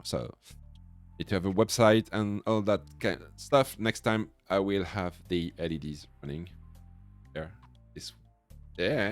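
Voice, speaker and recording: A man from France with a French accent chats casually as a livestream host, sometimes halting as he searches for words. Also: on the low side, no echo.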